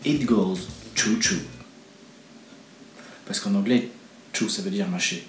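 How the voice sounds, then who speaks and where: A man's voice: on the low side, expressive, slow, faint music behind. A man telling a train pun and explaining it playfully. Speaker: guest comedian. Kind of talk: deadpan joke explaining. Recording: roomy echo.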